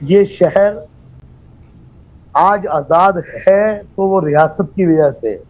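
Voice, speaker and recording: A man from Pakistan, speaking as a guest over a phone line and arguing a political point forcefully, repeating phrases for emphasis. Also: high-pitched, drawn-out words. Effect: heard over a phone line. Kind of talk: impassioned political argument. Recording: dull lo-fi phone audio.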